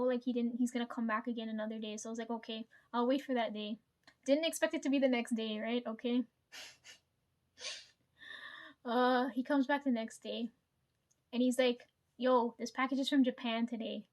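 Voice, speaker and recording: Chatting loosely to camera, a vlogger winds through a story in a high, bright register, keeping a steady tone at normal speed. She curses freely, laughs often and regularly checks in with the people watching.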